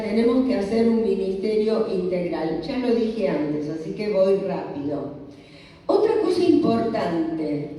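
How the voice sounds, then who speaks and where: A woman's voice: mid-range voice, dark tone. A woman giving a church lecture on children's ministry, teacherly and posing rhetorical questions to the audience. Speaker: conference speaker. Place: church hall. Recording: echoey hall, voice from far off the mic.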